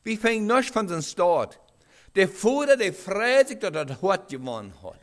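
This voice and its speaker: Animated preacher. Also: male voice, high voice. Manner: halting, with many restarts and rhetorical questions. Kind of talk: sermon.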